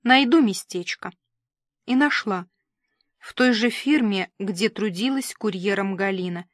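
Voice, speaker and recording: A woman narrating a detective novel in a steady, even storytelling manner. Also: mid-range voice, unhurried, no echo, studio quality. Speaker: audiobook narrator. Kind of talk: audiobook reading of a detective novel.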